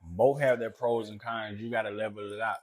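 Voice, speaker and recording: A man's voice: lowish voice, flat delivery, brisk. A man co-hosting a casual chat about running a business, asking playful, probing questions. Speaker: co-host, business owner.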